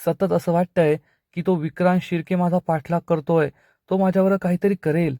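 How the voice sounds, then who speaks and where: A man's voice: high-pitched, steady tone, a little fast, warm tone, dry recording, studio quality. A man reading a frightened young woman. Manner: anxious pleading.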